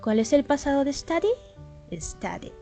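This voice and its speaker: A woman English teacher, native in Spanish, walks through grammar rules one step at a time and checks understanding with quick rhetorical questions. Her voice sits a little high but sounds mellow and soft-edged. Faint music plays behind her. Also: very animated. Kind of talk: classroom lesson explaining grammar rules.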